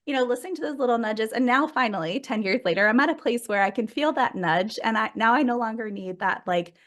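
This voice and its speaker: A woman's voice: a little high, expressive, fast talker, a bit bright. A woman in her thirties talks as a podcast guest, bubbly and casual. She laughs often and fills her sentences with "like" as she tells her story. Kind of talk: casual conversational interview.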